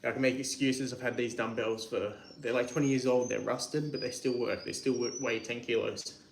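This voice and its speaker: A man's voice: mid-range voice, fairly even intonation, creaky, slight background noise. Breathless man in his twenties mid-workout. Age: 20s. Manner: pep-talk delivery, swears casually, pauses to count reps. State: out of breath from working out. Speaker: livestreaming creator. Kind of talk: casual motivational livestream. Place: hot home shed.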